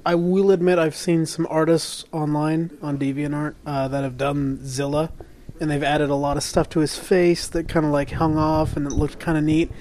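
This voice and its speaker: A man's voice: a little high, level tone, moderate pace, a little mellow. A man co-hosting a casual movie commentary, making sarcastic, critical quips. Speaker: podcast co-host.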